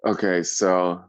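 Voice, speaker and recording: A man, an actor, talking casually as an interview guest, halting and often repeating his words. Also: deep voice, smooth, no room sound.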